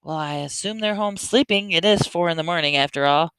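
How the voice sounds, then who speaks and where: Woman voicing quiet polite mother, soft-spoken, clear voice, dry sound. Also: fairly low pitch, fairly quick, no echo. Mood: pleading.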